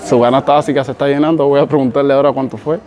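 A man's voice: medium pitch, fairly even intonation, racing, darkish tone, a faint crowd. A man in his thirties with a Cuban accent, casually narrating a vlog into a phone at arm's length. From Cuba. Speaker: vlogger. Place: outdoors in street and open market. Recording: busy street and market noise behind.

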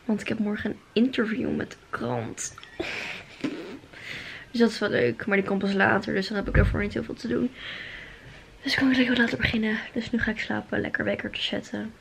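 A young woman chatting casually in a vlog from her bedroom, gushing and excited, talking to a handheld camera. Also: mid-range voice, fairly quick, vocal fry, a little hiss or hum. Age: young adult. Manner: excitable, gushing, exclaims often. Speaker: vlogger. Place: bedroom at home. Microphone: handheld camera at arm's length.

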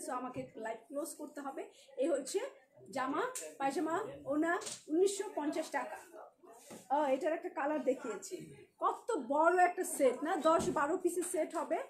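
A woman's voice: sits high, fairly quick. A woman with a Bangladeshi Bengali accent, a shop owner selling clothes on a live stream, chatty and joking as she greets viewers by name.

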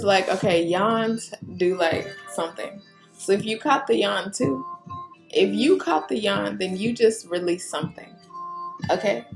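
Slow, gravelly woman doing a rambling tarot reading. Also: mid-range voice. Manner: rambling, laughing, profane, talks straight to the viewer. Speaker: tarot reader. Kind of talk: casual tarot reading to camera. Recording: roomy echo with clear music behind.

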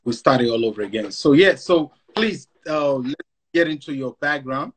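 Chatty man hosting, slightly husky voice. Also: mid-range voice, animated, normal speed. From Nigeria. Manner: upbeat, chatty, with slangy asides. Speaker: interviewer host. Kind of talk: casual interview. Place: home room. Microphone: video call.

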